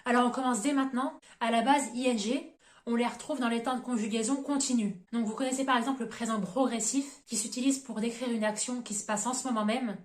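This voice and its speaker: A woman teaches a grammar lesson in a methodical, step-by-step way, spelling out letters and slowing down for each example sentence. Her voice sits a little high. The room adds a clear echo around her words. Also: steady tone. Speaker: English teacher on her own channel.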